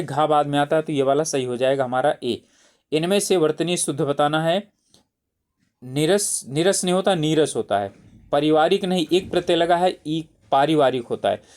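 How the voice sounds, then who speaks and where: A man's voice: on the high side, darkish tone. Man tutoring, patient and repetitive. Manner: patient, repeats words and checks with "ठीक है". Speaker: Hindi exam tutor. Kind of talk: explaining exam spelling questions.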